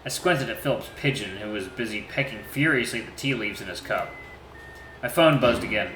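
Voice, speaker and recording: A man giving expressive narration of a story. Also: fairly low pitch, brisk. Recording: roomy, faint background noise.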